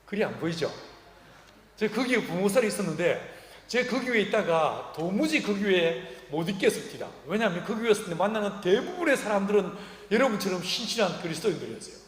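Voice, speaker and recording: A middle-aged pastor with a Korean accent preaches in a reverberant church sanctuary, his expressive, fast voice pitched high for a man. His sermon is built on stories told with light humor, and he acts out the dialogue by taking on the voices of the people involved.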